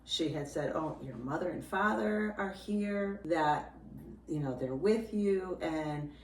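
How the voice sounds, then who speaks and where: A woman's voice: deep voice, expressive, slow, slight background noise. A woman on a family vlog telling an anecdote in a casual, amused way. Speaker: sister, vlog guest. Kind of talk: casual storytelling. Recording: roomy, distant from the mic.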